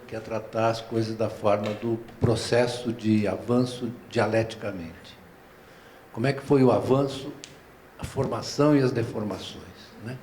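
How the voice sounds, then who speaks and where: An older man with a Paulistano Brazilian accent, speaking on a round-table panel in an unhurried, discursive way, often tagging his phrases with a questioning aside and restarting his sentences. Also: mid-range voice, darkish tone, slight background noise. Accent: Paulistano Brazilian Portuguese. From São Paulo, Brazil. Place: museum auditorium.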